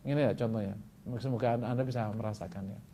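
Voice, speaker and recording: A man preaching a sermon, swinging between loud bursts and soft asides and acting out quoted voices. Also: lowish voice, fairly even intonation, quick pace, a little hiss or hum.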